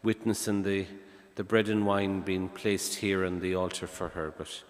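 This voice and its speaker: A man, a priest, leading funeral Mass prayers at the altar in a calm, measured way with conversational asides. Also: deep voice. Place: large church, at the altar. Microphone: far camera, church PA. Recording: long church reverb.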